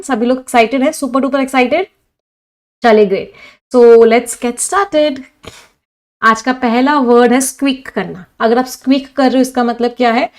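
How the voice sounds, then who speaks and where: A woman teaching English vocabulary for exams in a live online class, switching between Hindi and English and asking questions she answers herself. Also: fairly high pitch. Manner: reads chat comments from live viewers. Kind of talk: live online exam-prep vocabulary lesson.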